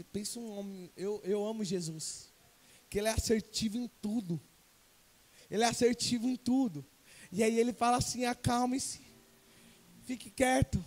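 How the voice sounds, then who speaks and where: A man from Brazil preaching a sermon as an evangelist, swinging from loud to hushed and questioning the congregation. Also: very high voice. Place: church sanctuary. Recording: long church reverb.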